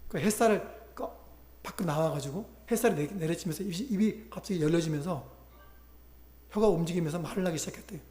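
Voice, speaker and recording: A man's voice: fairly high pitch, fast talker, dark tone, reverberant. A male pastor preaching a sermon, retelling a conversion story and voicing the people in it. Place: church sanctuary.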